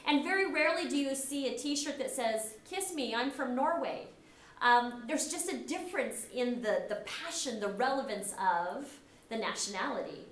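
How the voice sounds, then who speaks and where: This is a recorded classroom lecture by a middle-aged American woman whose high-pitched, animated voice moves at normal speed. She keeps things conversational, acting out the remarks she quotes, in an echoey space.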